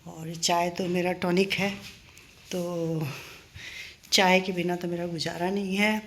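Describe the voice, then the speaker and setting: A woman's voice: on the low side, little pitch movement, slow, a little hiss or hum. An older woman chatting in a casual home vlog, reminiscing and encouraging her viewers. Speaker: vlogger. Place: home in a paying-guest house.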